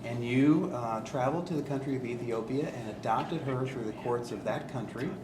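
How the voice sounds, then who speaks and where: Man questioning witnesses in a courtroom recording. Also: mid-range voice. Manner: measured, procedural, asks leading yes-or-no questions. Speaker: attorney. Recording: echoey courtroom with background noise.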